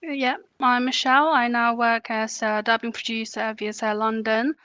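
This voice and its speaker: A woman from China, a podcast guest answering in a relaxed way with light laughter. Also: a little high, normal speed, clean tone, no room sound. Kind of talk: casual interview answers.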